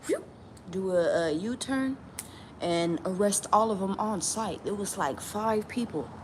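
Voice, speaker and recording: A woman's voice: mid-range voice, unhurried. A woman from New Mexico speaking out in a casual vlog, emphatic and repetitive, swearing now and then. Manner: emphatic, repeats lines, swears. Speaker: tarot channel vlogger. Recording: steady background ambience noise.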